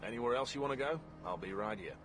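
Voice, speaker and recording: A man's voice: mid-range voice, expressive, fast, background noise, close to an everyday voice. A man voicing an easygoing jet pilot for hire who talks in a breezy, chatty way.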